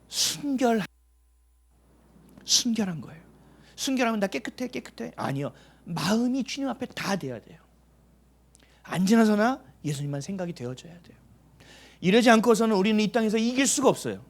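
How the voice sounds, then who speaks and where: Male pastor, middle-aged, fairly high voice, storytelling sermon that acts out the dialogue. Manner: animated storytelling, acting out dialogue; emphatic rhetorical questions.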